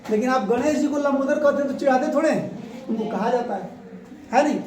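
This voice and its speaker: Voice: sits high, fairly quick, a little mellow, a little hiss or hum. A teacher leading a grammar revision lesson, asking the class questions and repeating the key answers. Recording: echoey room, voice from far off.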